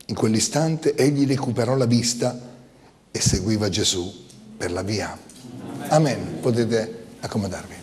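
A man's voice: lowish voice, unhurried, darkish tone, a little hiss or hum. A male pastor reading scripture and preaching at a church service, building up with emphatic repeated phrases. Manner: reads scripture then preaches with rising emphatic repetition. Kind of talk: sermon. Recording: church hall with long reverb.

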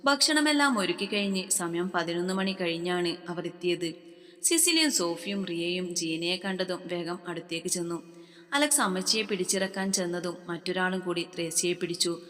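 A woman's voice: on the low side, animated, moderate pace, a bit bright. Woman narrating with long room echo. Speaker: story narrator. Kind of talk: scripted narration of a romance novel.

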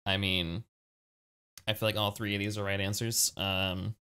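A man's voice: fairly low pitch, flat delivery, unhurried, sharp tone. A man giving casual let's play commentary, reading chat choices aloud, laughing often and swearing. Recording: keyboard typing noise clearly heard. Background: keyboard clicks and typing.

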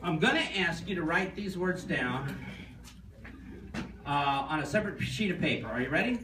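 A man leads a live sales seminar, quizzing the room and telling stories. His voice sits fairly high. He sounds distant and roomy, with faint noise behind him. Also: normal speed. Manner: animated, quizzes the audience, tells stories. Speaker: sales trainer.

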